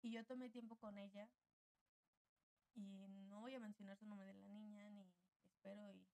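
A woman's voice: mid-range voice, flat delivery, moderate pace, vocal fry, dark tone, no echo, poor audio. A woman, a church member and interview guest, reflectively telling a personal story and often closing phrases with a questioning tag.

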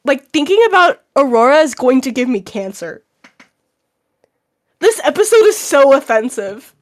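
High-voiced teen girl chatting, laughing. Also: sing-song, normal speed. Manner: chatty, laughing, filler-heavy. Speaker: podcast co-host. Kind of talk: casual chat.

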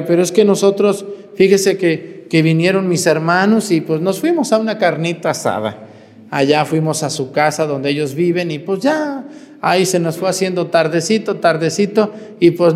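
A priest voicing a pleading, whiny parishioner who sighs through excuses. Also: male voice, high voice, big-room sound, natural voice.

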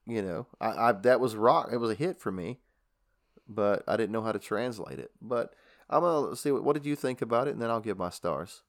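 A man co-hosting a casual album review chat, hesitant and full of restarts as he talks through his thoughts. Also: fairly low pitch. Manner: hesitant, many restarts and fillers. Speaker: podcast co-host reviewing albums.

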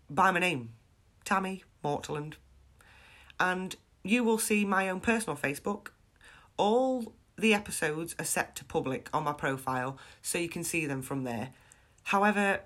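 Casting note: woman, lowish voice, stuffy from a chest infection, frank and chatty solo podcast host. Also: fairly bright tone. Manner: chatty, frank, self-deprecating. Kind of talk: casual solo podcast monologue.

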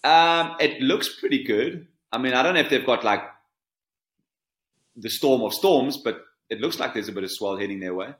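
A man with a South African accent, a surf coach being interviewed, talking in an animated, emphatic way and repeating phrases for effect. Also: medium pitch, normal speed, echoey room. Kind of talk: podcast interview.

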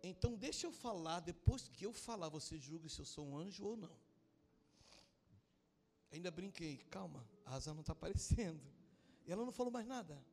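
Animated Brazilian-born pastor preaching. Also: male voice, high voice, fairly quick, long pauses. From southern Brazil. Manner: animated storytelling, acting out dialogue, rising to loud emotional preaching. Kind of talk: sermon with acted-out story.

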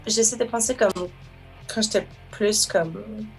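A woman with a Québécois French accent talks casually as a guest musician. She rambles, restarts her sentences and fills pauses often. She drops English words into her French. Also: mid-range voice, fairly even intonation, faint music behind. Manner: rambling, frequent fillers and restarts. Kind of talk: casual chat.

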